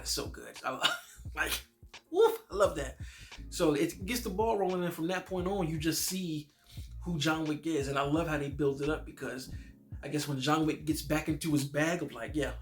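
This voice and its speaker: Excitable man gushing about movies. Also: a little high. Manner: excited, rambling, stumbles over repeated words; casual swearing. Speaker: movie reviewer. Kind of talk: casual movie ranking vlog.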